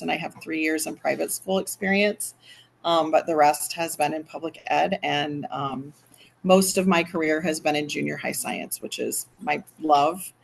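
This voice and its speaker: A woman in her fifties, a longtime teacher and graduate student, introducing herself hesitantly with many pauses. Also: sits low, creaky, a little hiss or hum. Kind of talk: casual self-introduction in a group meeting.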